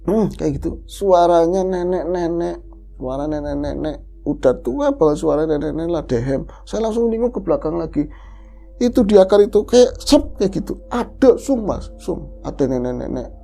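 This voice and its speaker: A woman host retelling a listener's ghost story in the first person, lively and animated, acting out the quoted voices. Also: fairly low pitch, moderate pace, gravelly, faint music behind. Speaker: horror story podcast host.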